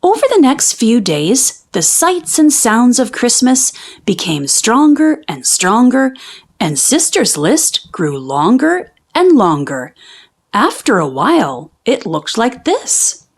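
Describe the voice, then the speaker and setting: A woman reads a children's picture book aloud in an expressive storytelling style. Her voice sits on the high side and her pace is slow.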